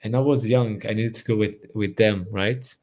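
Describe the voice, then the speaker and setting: This man talks earnestly on a podcast in a casual, conversational way, with a Portuguese accent; he was born in Brazil, grew up in Portugal, and speaks Portuguese natively. Searching for English words, he restarts phrases. His voice is lowish and darkish, fairly even in intonation, at normal speed.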